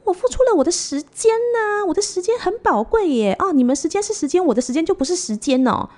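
A woman's voice: extremely high pitch, big pitch swings, quick pace, darkish tone, pitched above the performer's own voice. A woman retelling her story, mimicking a rude, pushy talent agent in a sarcastic, impatient tone. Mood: indignant.

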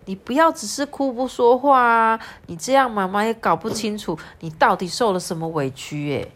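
A woman's voice: on the high side, moderate pace, a bit bright, pitched above the performer's own voice, lightly acted. A woman voicing a caring dinosaur mother in a storybook, coaxing and worried.

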